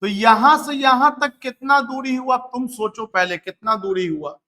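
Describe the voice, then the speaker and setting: Slow, high-voiced male physics teacher. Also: bright, forceful tone. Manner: slow, repeats key numbers, asks students questions then answers; motivational asides to students. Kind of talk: classroom physics lecture.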